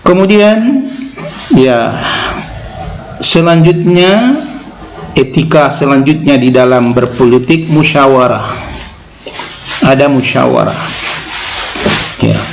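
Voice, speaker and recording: A man giving an Islamic teaching talk in an unhurried way. He tags his points with a short "ya" and recites Arabic verses slowly. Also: medium pitch, lively intonation, gravelly, noisy background. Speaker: religious lecturer.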